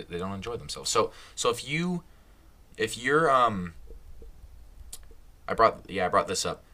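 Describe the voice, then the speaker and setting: A man's voice: fairly low pitch, bright, forceful tone. A young man hosting a casual solo podcast, rambling and stopping himself mid-sentence, laughing at his own slips. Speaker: podcast host.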